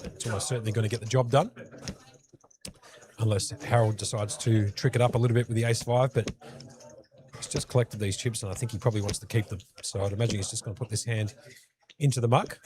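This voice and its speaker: A man with an Australian accent giving brisk play-by-play commentary on a live poker tournament from a commentary booth. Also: fairly low pitch, steady tone, a crowd in the background. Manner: brisk play-by-play, matey banter.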